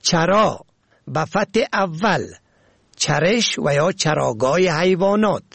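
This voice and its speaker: A man presenting a radio language lesson, reading slowly and carefully and spelling words out letter by letter. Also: fairly high pitch, expressive, creaky, fairly bright tone, no room sound.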